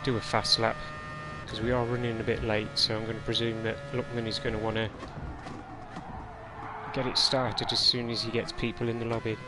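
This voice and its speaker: A man's voice: lowish voice, level tone, brisk. Chatty man streaming a race. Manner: chatty, self-deprecating, mutters while driving. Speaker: streamer racing in an online league. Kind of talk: live gameplay commentary. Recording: noisy game audio behind voice.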